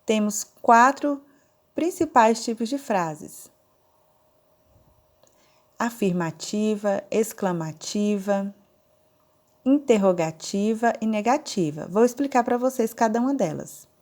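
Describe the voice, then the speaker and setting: A woman with a Brazilian Portuguese accent teaching a recorded online lesson, explaining slowly and step by step. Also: medium pitch, animated. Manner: slow, deliberate, explaining step by step. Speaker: sign language teacher.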